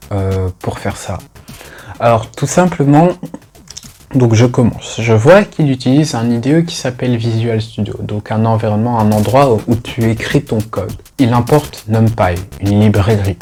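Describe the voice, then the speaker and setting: Young male vlogger, chatty and self-mocking, rambling with fillers, soft music under him. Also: lowish voice. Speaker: youtuber. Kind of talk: casual vlog chat. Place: indoors at home. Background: faint background music.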